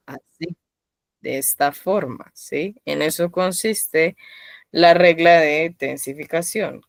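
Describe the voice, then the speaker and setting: A woman's voice: fairly low pitch, vocal fry, dry recording. A woman teaching a live online language class, quizzing her students by name and patiently encouraging them. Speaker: Korean teacher.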